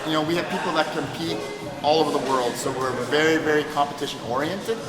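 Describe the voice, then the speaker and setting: Jiu-jitsu instructor explaining over loud music. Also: male voice, fairly high pitch. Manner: explanatory, steady, with filler pauses. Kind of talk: interview explanation. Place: martial arts academy. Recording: echoey hall with loud music.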